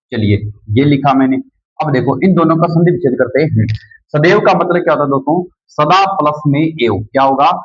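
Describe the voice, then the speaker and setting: A man's voice: on the high side, breathy edge, dry recording. A man teaching a grammar lesson, repeating each key word back as a question to his students. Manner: calls students "friends" often. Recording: dull lo-fi sound.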